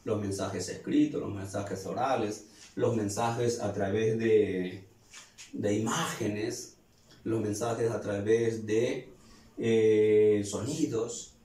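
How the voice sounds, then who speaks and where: A man's voice: lowish voice, fairly even intonation, takes it slowly, dark tone. A male teacher giving a grammar lesson to students, explaining step by step and asking questions he then answers. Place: classroom. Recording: echoey room, voice far from mic.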